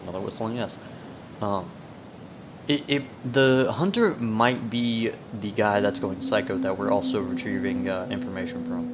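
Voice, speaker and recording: A man giving casual, rambling gaming commentary, haltingly trailing off mid-thought, with whistling S sounds. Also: lowish voice. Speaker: video game let's player. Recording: noticeable background noise, sensitive mic.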